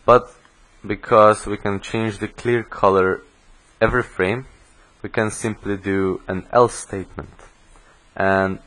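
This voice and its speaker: Young male instructor, lowish voice, walks through code in a steady voice-over. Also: low-quality recording. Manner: steady explanatory, self-correcting restarts. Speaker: programming instructor. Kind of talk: screencast coding tutorial.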